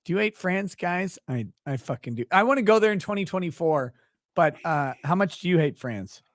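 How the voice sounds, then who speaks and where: A man's voice: sits high, lively intonation, a little fast, dry recording. Crude joking male stream host. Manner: crude, joking, reads chat messages aloud. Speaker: livestream host reading chat. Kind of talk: casual livestream chat.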